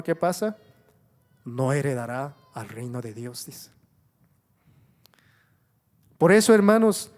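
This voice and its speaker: A man's voice: fairly high pitch, a little mellow. A middle-aged man preaching a sermon in a church, repeating phrases, asking his listeners questions and calling them brothers. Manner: repetitive exhortation with frequent "gloria a Dios"; addresses congregation as brothers, rhetorical questions.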